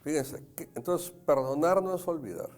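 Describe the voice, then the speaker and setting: A man's voice: on the high side, normal speed, a little mellow, faint music behind. A middle-aged man from Jalisco with a Mexican accent, hosting a talk show and telling stories earnestly to the audience. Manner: anecdotal, earnest, addresses audience. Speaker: host. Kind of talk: casual talk show chat.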